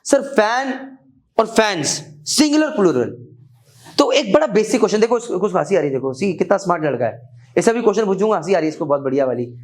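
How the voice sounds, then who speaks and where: Stern high-voiced man lecturing. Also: big pitch swings, fairly quick, a little mellow. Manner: stern, scolding, mixes Hindi and English. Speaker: academy head addressing students. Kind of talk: motivational classroom lecture.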